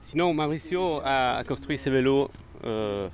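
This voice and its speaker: A man's voice: mid-range voice, animated, measured pace. A man speaking informally as a workshop organiser, explaining things step by step with some hesitation. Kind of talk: casual spoken explanation. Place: outdoors in town.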